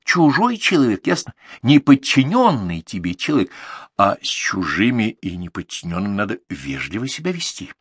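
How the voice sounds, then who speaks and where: A cocky young journalist, as a man voices him in an audiobook, talking back with cool, mocking calm. The voice sits a little raised and lively, husky in tone, on a dry close recording. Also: lowish voice, moderate pace, no room sound, heavily acted.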